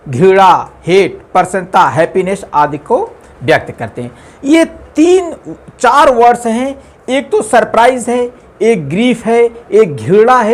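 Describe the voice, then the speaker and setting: A man teaching an English grammar lesson, explaining patiently with many repetitions and fillers. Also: high voice.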